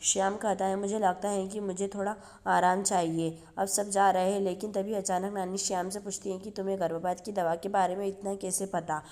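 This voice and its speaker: A woman reads a TV episode recap for her channel in a mellow, soft-edged voice. Her pitch stays flat and level. She reads the characters' lines in her own voice instead of acting them. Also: moderate pace, hardly any pauses. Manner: steady read-through, reads quoted dialogue in her own voice. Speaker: YouTube channel host. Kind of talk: reading a TV serial episode recap.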